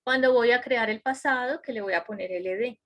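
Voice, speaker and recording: A woman's voice: fairly high pitch, fairly quick, a bit bright. A woman teaching an online English grammar class, explaining step by step and checking in with her students. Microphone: computer microphone on a video call.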